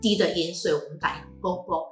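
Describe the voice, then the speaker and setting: A woman's voice: on the low side, fast, reverberant, soft background music. A woman language teacher explaining tone marks, patiently modelling syllables and stretching them out for the class. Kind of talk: classroom tone lesson.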